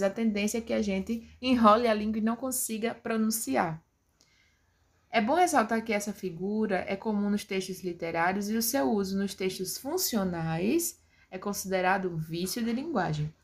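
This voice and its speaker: A woman teaching a grammar lesson, explaining patiently step by step. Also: mid-range voice. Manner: explains step by step with tag questions.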